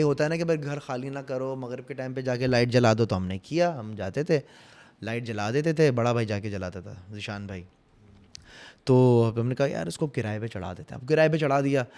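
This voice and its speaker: A man with a Pakistani Urdu accent and a mid-range voice tells ghost stories as a guest on a podcast. His casual storytelling is animated and dramatic, sometimes sinking into hushed tones.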